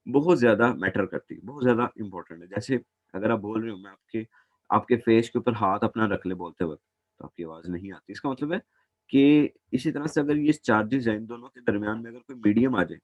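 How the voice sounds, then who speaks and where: Man, physics teacher, low voice, dry close sound, patient, repeats each step. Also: fairly quick, a little mellow, no room sound, muffled recording. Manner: patient, repeats points, calls students "beta". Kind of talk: classroom lecture.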